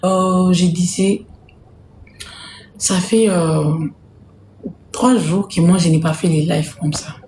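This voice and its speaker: A woman from Congo hosting a casual live stream to sell jerseys, speaking softly and repeating herself. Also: lowish voice, steady tone, takes it slowly, pauses often, reverberant, slight background noise. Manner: soft-spoken, repeats herself. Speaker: livestream host selling jerseys. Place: home room, indoors.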